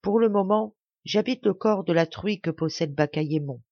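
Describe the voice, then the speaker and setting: A woman's voice: mid-range voice, normal speed, no echo, lo-fi sound, lightly acted. A woman voicing the sorrowful ghost of a dead mother in a storybook, speaking in a mournful, confiding way.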